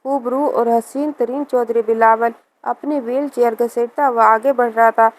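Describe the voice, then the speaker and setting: A woman narrates a scripted first-person story in a steady, even manner. Her voice sits somewhat high, and she keeps one reading pace throughout. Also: rough recording.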